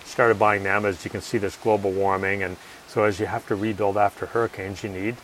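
A man's voice: on the low side, little pitch movement, a little fast, fairly bright tone, slight background noise, poor audio. A man being interviewed as an author, speaking confidently and emphatically, repeating his key points. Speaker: author and guest. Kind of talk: conversational interview.

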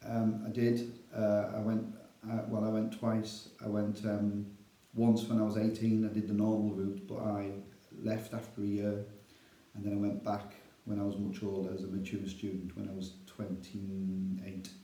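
Middle-aged Northern English man, church elder guest, low mellow voice, chatty storyteller. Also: monotone, moderate pace, reverberant, poor audio. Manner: chatty, self-deprecating, laughs often. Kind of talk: casual storytelling interview.

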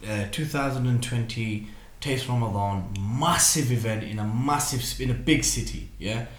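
A man's voice: mid-range voice, moderate pace. A man hosting a casual podcast, probing his guest with hypothetical questions. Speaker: podcast host. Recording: roomy echo.

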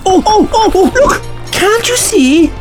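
A man voicing a pompous, lecherous upper-class amateur detective with drawn-out exclamations. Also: very high-pitched, animated, loud music behind the voice, full character voice. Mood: excited.

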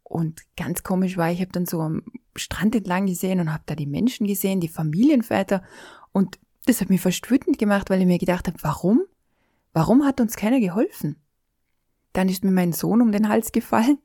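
A woman's voice: medium pitch, a little fast, mellow, dry recording, studio quality. A middle-aged woman with an Austrian accent, telling an emotional personal account in an intimate voice that often sinks to a whisper. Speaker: storyteller.

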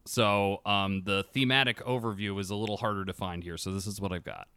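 A man's voice: on the low side, fairly even intonation, fairly quick, bright, forceful tone, clean tone, no echo. A man hosting a casual game podcast, talking in an upbeat, loose way. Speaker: podcast host.

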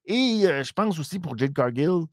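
A man's fairly high voice, moving at a moderate pace, carries a Quebec French accent as he goes over a wrestling show on a casual live stream. He's animated and mock-dramatic, hesitating often. The studio-quality audio has no echo.

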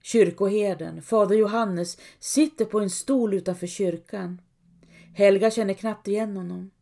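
A woman narrates a dark folk tale in a measured, dramatic reading voice. Her pitch sits in the middle range for a woman. The telling is steady and deliberate. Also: gravelly. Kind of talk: scripted storytelling narration.

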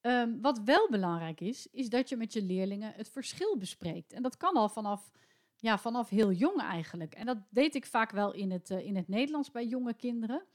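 A woman's voice: a little high, animated, normal speed. Woman in her 40s from the netherlands doing her solo podcast, chatty, lots of ehms, says what she thinks. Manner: chatty and opinionated, with frequent hesitations. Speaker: podcast host and English teacher trainer.

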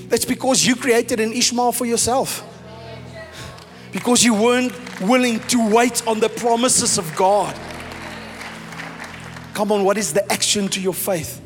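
Pastor, South African man, high voice, emphatic preaching, long hall echo with soft music behind. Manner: emphatic preaching, mixing in Afrikaans phrases. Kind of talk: sermon.

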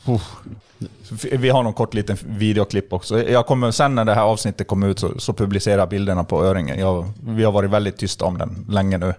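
A young man telling a story in a casual podcast chat, animated and full of fillers and restarts. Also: fairly low pitch. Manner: animated, acts out dialogue, lots of fillers and restarts. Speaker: podcast guest.

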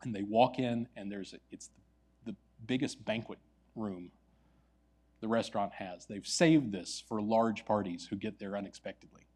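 A male preacher telling a story in a sermon, swinging between loud stretches and hushed ones. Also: on the low side, moderate pace, husky.

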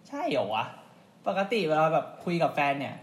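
Easygoing, slightly high man, echoey room. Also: a little fast. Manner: relaxed, joking, hesitant with fillers. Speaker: podcast co-host. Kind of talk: casual chat.

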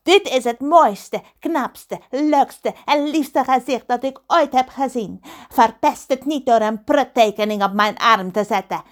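A woman's voice: on the high side, measured pace, voice pushed up, lightly acted. A vain, boastful pirate captain, put on by a woman reading a storybook aloud, in love with his own face. He talks in a pompous, theatrical way, drawing out his words. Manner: pompous, self-admiring, theatrical.

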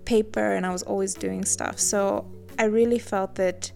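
A woman's voice: mid-range voice, fairly even intonation, moderate pace, gravelly, warm tone, faint music behind. A young woman from Zambia, a guest artist, telling her story in a friendly, chatty way in a casual podcast interview.

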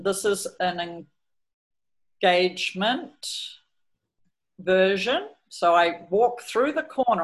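A middle-aged woman, a horse trainer chatting hesitantly through a training video and telling stories about her horse. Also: medium pitch. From New Zealand. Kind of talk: explaining training over a video, storytelling.

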